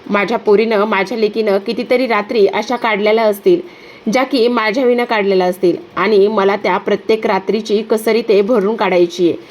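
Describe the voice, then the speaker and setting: A woman's voice: medium pitch, fairly even intonation, brisk, lightly acted. A woman reading the lines of a devoted mother in a TV serial recap, in a pleading, urgent way.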